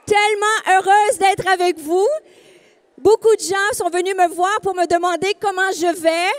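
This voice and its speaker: Québécois lady preaching, very high pitch, fires up the crowd, dry sound. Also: steady tone, moderate pace, no room sound. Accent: Québécois French. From Quebec, Canada. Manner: rousing, calls out to the crowd. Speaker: women's ministry leader, speaker. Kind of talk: conference sermon.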